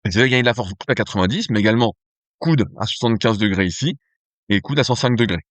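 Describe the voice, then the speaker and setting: Guy on a podcast, lowish voice, chatty explainer vibe, lots of euh and restarts. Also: animated, quick pace, dry recording. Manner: conversational, explains with examples, frequent fillers and restarts. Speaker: podcast host, nutrition company cofounder. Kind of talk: explanatory podcast talk on strength training.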